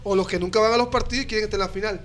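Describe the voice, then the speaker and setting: Casting: male radio panelist, somewhat high voice, casual sports talk. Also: fairly even intonation, very fast, a bit bright, faint music behind.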